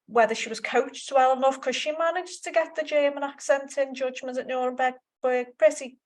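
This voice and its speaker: A woman co-hosts a casual film chat, speaking a little higher than most. She rambles and restarts her sentences as she works through her opinions. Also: fairly even intonation, moderate pace. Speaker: podcast co-host.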